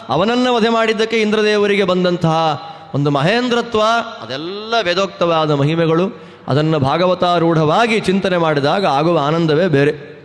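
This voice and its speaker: A man from Karnataka giving a devotional discourse, telling scripture stories with rhetorical questions and chanted Sanskrit verses. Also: high voice. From Karnataka, India. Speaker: religious discourse speaker. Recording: reverberant hall.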